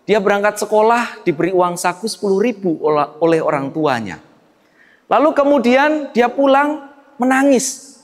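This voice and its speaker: A priest giving a sermon, telling stories with acted dialogue and swinging between loud and soft. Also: male voice, sits high, very animated, normal speed. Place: church. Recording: echoey church hall.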